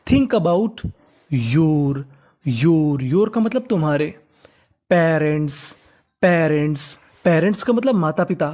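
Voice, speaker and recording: Teacher, spells letter by letter, slow repeats, level pitch. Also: lively intonation, mellow. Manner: spells words letter by letter and repeats them slowly. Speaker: English teacher. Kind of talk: step-by-step teaching lesson.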